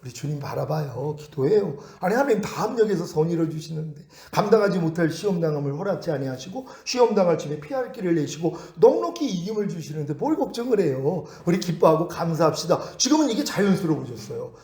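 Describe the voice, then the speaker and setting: A man's voice: a little high, big pitch swings, fast, few pauses, dark tone, echoey room. A male pastor preaching a sermon lecture, acting out quoted prayers and voices as he teaches.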